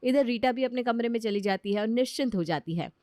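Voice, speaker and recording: A woman narrating a household drama story in a plain, even storytelling manner. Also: fairly high pitch, fast, no room sound, clean studio sound. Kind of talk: scripted narration.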